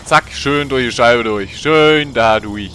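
A man giving casual, slangy, excitable gameplay commentary. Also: medium pitch, takes it slowly, a little hiss or hum. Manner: colloquial, slangy, swearing, excitable. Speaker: let's player.

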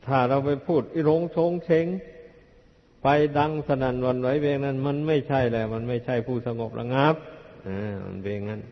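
An older man, a Buddhist monk, giving a plain, unhurried dharma talk that admonishes his disciples. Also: mid-range voice. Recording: dull lo-fi archive recording in a reverberant hall.

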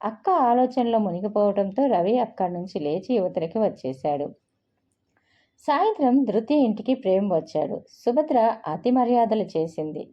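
A woman reading a serialized story aloud, her pitch rising and falling with animated shape. The reading stays steady and expressive, the recording dull and lo-fi. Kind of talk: Telugu story narration.

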